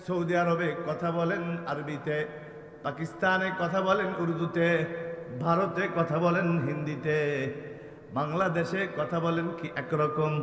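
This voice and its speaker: A man preaching a sermon, chanting verses melodically, building to shouts and calling on the crowd to answer aloud. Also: on the high side. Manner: calls on the audience to answer aloud. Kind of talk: Islamic sermon. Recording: echoey hall, long reverb, PA sound.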